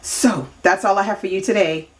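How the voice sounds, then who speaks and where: A woman's voice: mid-range voice, moderate pace. A woman book vlogger talking casually to the camera at home, chatty, with many asides and fillers.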